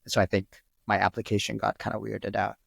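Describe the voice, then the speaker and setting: A man's voice: fairly low pitch, flat delivery, quick pace, gravelly, dry recording, studio quality. A man in his twenties, a first-language Arabic speaker, answering podcast questions in a rambling, casual way full of "like" and "um.". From Sri Lanka. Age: 20s. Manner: rambling, heavy use of "like" and "um". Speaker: guest.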